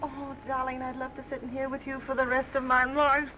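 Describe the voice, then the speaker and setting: An actress playing an excitable, evasive young woman in breathless, theatrical 1930s screwball comedy banter. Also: high-pitched, a little fast, natural voice. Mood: flustered, tender. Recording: old film soundtrack, dull and noisy.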